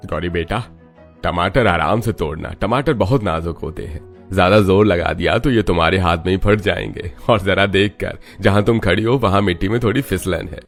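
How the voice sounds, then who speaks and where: A man voicing folksy village farmers in an animated cartoon, with a teasing, chuckling manner. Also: sits low, moderate pace, vocal fry, faint music behind. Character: jovial village farmer men, father and friend. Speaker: voice actor.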